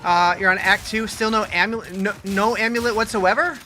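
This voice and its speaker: A man's voice: high voice, fairly even intonation, a little fast, bright, forceful tone, slight background noise. A young man streaming a game, chatting casually with viewers, greeting them by name and making dry, sarcastic asides. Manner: laid-back, reads chat aloud and greets viewers by name. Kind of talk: casual gaming stream chat.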